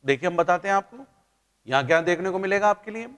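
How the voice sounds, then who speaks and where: Male chemistry teacher, high and very animated, joking through a lecture in a reverberant room. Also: fast talker. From India. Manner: playful, chatty teaching with jokes and asides. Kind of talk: classroom lecture.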